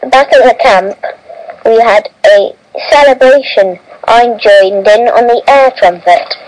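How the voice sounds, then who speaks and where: A woman reading a first-person adventure story aloud, halting often and correcting herself as she goes. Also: fairly high pitch, a little hiss or hum, poor audio. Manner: halting reading with frequent restarts and self-corrections.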